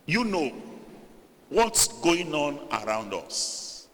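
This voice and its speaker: A Nigerian Yoruba pastor preaches in a sing-song voice at a slow pace, his sermon echoing through a church hall. He delivers it emphatically, building to loud, stressed phrases before dropping low again.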